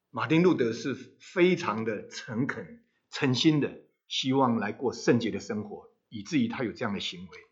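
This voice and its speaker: A man's voice: lowish voice, muffled recording. Man preaching with sudden emphatic swells. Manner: rhetorical questions to the congregation, dramatic rises in volume. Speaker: pastor. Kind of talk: sermon. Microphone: handheld microphone.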